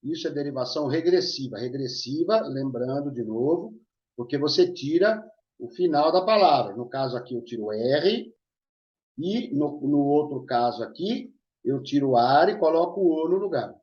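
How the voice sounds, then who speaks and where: A man's voice: fairly high pitch, lively intonation, moderate pace, a little mellow. A male teacher explaining grammar in an online lesson, checking in with his students as he goes. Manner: explanatory, checks in with listeners often. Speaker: Portuguese teacher. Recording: echoey room, dull lo-fi sound.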